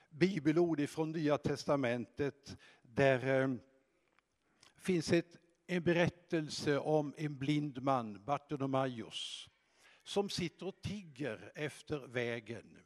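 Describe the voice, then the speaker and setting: Guy preaching slow and thoughtful, lots of pauses, long echo like a church hall. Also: medium pitch. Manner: slow, reflective, with many pauses and hesitations. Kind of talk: sermon.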